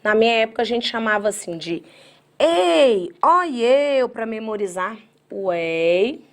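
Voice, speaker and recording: A woman from Brazil giving an exam-prep grammar lecture. She talks straight to her students, spells words out slowly syllable by syllable and acts out their objections. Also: mid-range voice. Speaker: grammar teacher.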